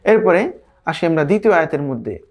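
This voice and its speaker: Guy teaching quran recitation, patient, says the verses real slow and drawn out, keeps asking if you got it. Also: a little high, very animated. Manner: patient, repeats verses slowly and checks in with listeners; drawn-out Arabic recitation between plain explanations. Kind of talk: online recitation lesson.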